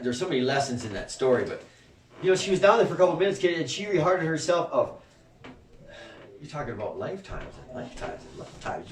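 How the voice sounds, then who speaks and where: A man leading a spiritual gathering, rambling and profane, laughing often and swinging between soft and loud. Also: medium pitch, a little hiss or hum. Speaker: spiritual group leader. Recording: echoey room, far from the mic.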